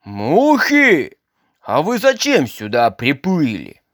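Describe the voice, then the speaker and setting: A haughty, touchy fish from a children's story, who sniffs and snorts at every answer as a reader puts her on. She speaks slowly and with wide swings of pitch. It is a close, dry recording. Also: huge pitch swings, fairly bright tone, no echo, full character voice. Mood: suspicious. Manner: snorting, indignant. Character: big haughty female fish, touchy and proud. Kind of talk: storybook reading.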